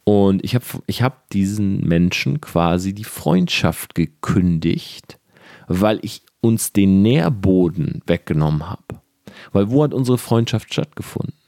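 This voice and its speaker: A man's voice: sits low, animated, a little slow, gravelly, mellow, dry recording, studio quality. A young man talking earnestly and directly to the listener in a casual motivational monologue, with fillers and the odd swear word.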